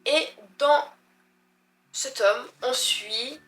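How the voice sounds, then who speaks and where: A woman's voice: high voice, drawn-out words, a bit bright. A young woman chatting casually about books she has read, self-mocking and stumbling over foreign names. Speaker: book vlogger.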